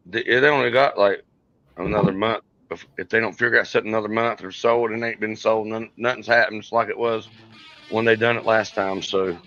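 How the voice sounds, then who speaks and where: A man's voice: on the low side, a bit bright, highs cut off. A man, co-hosting a casual podcast chat, blunt and rambling with frequent restarts. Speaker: podcast co-host.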